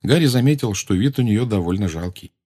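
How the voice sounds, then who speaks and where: Husky, low-voiced male narrator. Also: fairly quick. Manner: expressive reading. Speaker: audiobook narrator. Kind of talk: audiobook narration.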